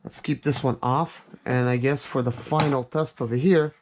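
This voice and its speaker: A man of medium pitch talks at a moderate pace with a steady tone while testing a product. As a reviewer, he rambles casually and works through his thoughts out loud. There's noise and clicking in the audio.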